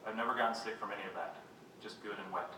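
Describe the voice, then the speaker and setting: A man reads his own poems aloud at a live reading, measured and unhurried, with dry, self-mocking quips between pieces. His voice sits a little low but sounds bright and forceful. It is picked up from a distance in a very echoey room over a faint background hum. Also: fairly even intonation. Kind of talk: live poetry reading with joking asides. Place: reading venue with a live audience.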